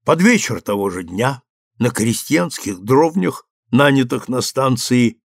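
A man reading a story aloud as a narrator, in a measured, expressive storytelling manner. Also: mid-range voice, creaky, no echo, studio quality. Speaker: audiobook narrator. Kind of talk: scripted narration.

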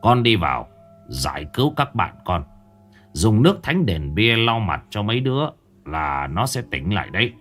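A man voicing a hushed, steady older ally. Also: lowish voice, normal speed, soft background music. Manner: hushed, serious advice. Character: calm older male ally, cautious and steady.

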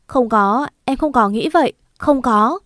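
A woman's voice: on the high side, unhurried, fairly bright tone, no echo, studio quality, pitched above the performer's own voice. A woman voicing a tearful young pregnant servant woman who begs and sobs. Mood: pleading tearful. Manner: sobbing, begging.

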